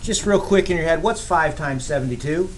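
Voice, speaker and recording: A man with a fairly high voice teaches a geometry lesson in a classroom, upbeat and gently teasing his students as he works through the numbers. A faint hiss sits under the recording. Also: a little fast. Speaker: math teacher. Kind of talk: classroom lecture.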